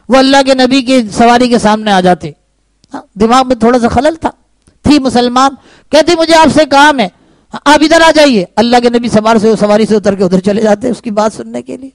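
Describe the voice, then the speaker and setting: A man's voice: very high voice, no room sound, low-quality recording. A man preaching a sermon, telling stories and asking his listeners rhetorical questions. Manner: animated storytelling with rhetorical questions.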